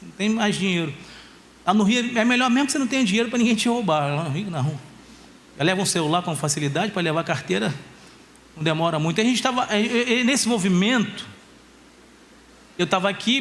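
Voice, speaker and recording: A male pastor giving an impassioned sermon at a church conference, slowing down to stress key phrases and telling stories about his family. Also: high voice, fairly bright tone, a little hiss or hum. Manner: storytelling with family anecdotes.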